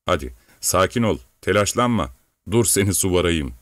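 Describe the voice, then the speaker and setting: A man voicing a lively older male servant in an audiobook, who talks to the horse as if it were a person. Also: low voice, moderate pace, no echo. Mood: coaxing. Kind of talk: audiobook reading.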